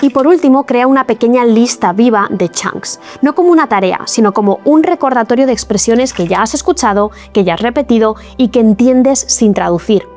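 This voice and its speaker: A woman giving a scripted video lesson as an English teacher, explaining each step clearly and encouragingly. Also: fairly high pitch, animated, fairly quick, few pauses, a little mellow, soft background music.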